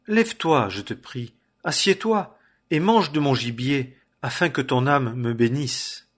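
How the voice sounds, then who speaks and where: A man's voice: mid-range voice, lively intonation, measured pace, fairly bright tone. A cautious younger son, read by a man. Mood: earnest.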